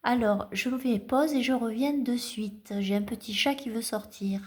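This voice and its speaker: A woman with a fairly high, slightly mellow voice takes her time showing tarot cards in a casual vlog from home. As a collector doing show-and-tell, she's hesitant, leaning on fillers and frequent restarts.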